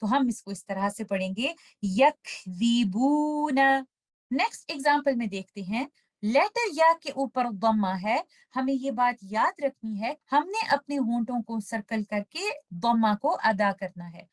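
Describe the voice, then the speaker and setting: A woman with an Urdu accent teaching Tajweed, patiently explaining each rule and then slowly reciting the example words. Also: fairly high pitch, animated. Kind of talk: step-by-step recitation lesson.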